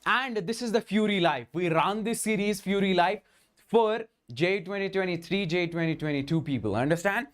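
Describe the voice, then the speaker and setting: Man, Kashmiri Indian accent, somewhat high voice, live online lecturer, addresses students, frequent check-in tags. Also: moderate pace, a bit bright. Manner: repeatedly checks in with okay and understand. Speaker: physics teacher hosting a live online class.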